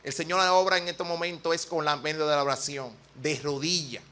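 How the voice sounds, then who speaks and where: A man's voice: fairly high pitch, fairly even intonation, a little fast, bright, forceful tone. A man preaching a sermon in a church with a Dominican accent, earnest and folksy, weaving in personal stories. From Dominican Republic.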